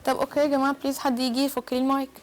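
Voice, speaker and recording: A woman with an Egyptian accent, a guest on a prank show, irritated and sharp-tongued, insisting she wants to leave. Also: sits high, level tone, racing. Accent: Egyptian Arabic. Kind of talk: heated argument on a prank show.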